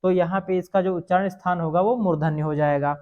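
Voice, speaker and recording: A man's voice: sits high, fairly even intonation, brisk. A man teaching an exam-prep grammar lesson, sounding out each letter aloud and repeatedly asking the listener questions before answering them himself. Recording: dull lo-fi recording.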